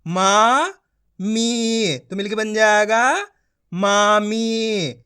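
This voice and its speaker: A man teaching beginners to read, sounding out each word slowly and saying it twice. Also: high-pitched, fairly even intonation, pushed and bright, clear, resonant tone. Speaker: Hindi reading teacher. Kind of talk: reading lesson for beginners.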